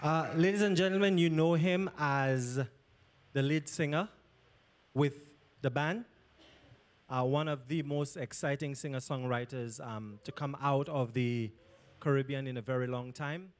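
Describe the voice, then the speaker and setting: A man's voice: medium pitch, unhurried. A man hosting on stage, introducing the guest with showman energy and interviewing him, using a handheld mic. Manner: showman, hypes the crowd. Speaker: interviewer and emcee. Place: library auditorium stage with audience.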